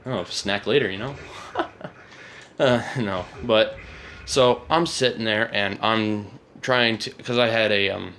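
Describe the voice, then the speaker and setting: A man's voice: on the low side, takes it slowly, fairly bright tone, slight background noise. A young man casually rambling through a storytime about his past, often correcting himself. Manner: rambling, self-correcting, shrugging off. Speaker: vlogger.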